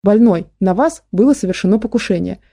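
Lady reading as a grumbly bossy doctor woman, dark mellow voice. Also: mid-range voice, lively intonation, a little fast, dry recording, clean studio sound. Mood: grumpy. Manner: gruff, demanding. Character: grumpy adult female doctor, bossy.

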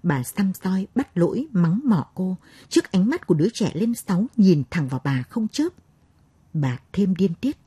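Woman audiobook narrator, dark, husky voice, dry close mic. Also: lowish voice, big pitch swings, moderate pace, dry recording. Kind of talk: scripted narration of a novel.

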